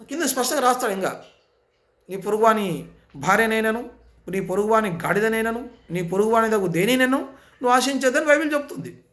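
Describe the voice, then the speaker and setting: A man's voice: sits high, expressive, fairly quick, fairly bright tone. A man preaching a sermon with insistent, repetitive rhetorical questions. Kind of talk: impassioned sermon.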